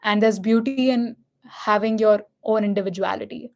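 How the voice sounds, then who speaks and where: A woman's voice: mid-range voice, fairly even intonation, moderate pace, a little mellow. A young woman from India with an Indian accent, telling a personal story in a casual, earnest and reflective way. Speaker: vlogger.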